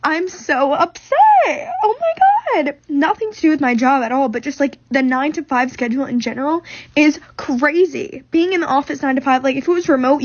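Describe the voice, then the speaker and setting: A woman's voice: high-pitched, no room sound, muffled recording. A young woman in her twenties, a recent graduate, venting to camera in a rambling, filler-heavy way. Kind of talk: casual venting vlog.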